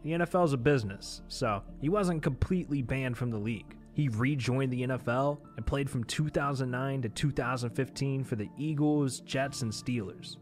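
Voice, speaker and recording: Man, higher-pitched voice, scripted storytelling narration, music underneath. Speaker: documentary-style video narrator. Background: instrumental music.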